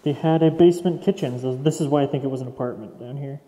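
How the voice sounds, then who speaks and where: Here a young urban explorer from Canada gives a casual walkthrough of an abandoned mansion's basement. His mid-range voice is warm and quick, and he keeps up a chatty stream of talk to his viewers, addressing them as "guys," while his words echo off the bare rooms.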